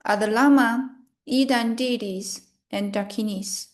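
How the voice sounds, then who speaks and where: A woman with a fairly high voice leads a guided meditation and recites prayers, measured and solemn, speaking in short phrases separated by long pauses.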